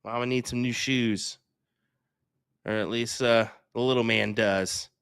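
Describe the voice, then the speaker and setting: A man's voice: mid-range voice, steady tone, unhurried, vocal fry, a bit bright, clear, resonant tone, no echo, clean studio sound. A man calling a darts match live, upbeat and playful. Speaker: darts commentator. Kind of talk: live sports commentary.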